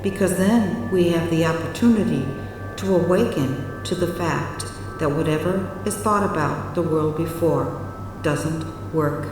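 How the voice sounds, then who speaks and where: A woman narrating a guided relaxation meditation in a soothing, measured way with long pauses, recorded with heavy reverb. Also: low-pitched. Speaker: hypnotherapy guide. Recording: very echoey, long reverb, distant. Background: music.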